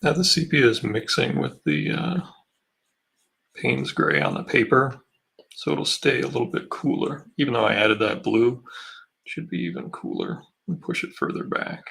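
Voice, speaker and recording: Guy painting live on stream, super gravelly voice, pitch bounces around a lot as he chats. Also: very animated, normal speed, fairly bright tone. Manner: explains steps while painting, answers chat questions. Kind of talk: casual livestream painting demo.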